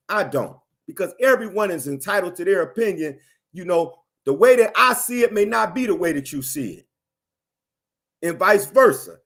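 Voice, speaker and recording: Animated, emphatic high-voiced man. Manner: animated, emphatic, repetitive phrasing. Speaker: commentator on a livestream. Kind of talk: animated commentary responding to viewers.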